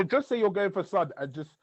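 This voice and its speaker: Animated podcast host, muffled. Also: male voice, high voice, a little slow, crowd noise. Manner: animated, slangy, acts out quotes. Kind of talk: casual chat. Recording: muffled dry podcast audio.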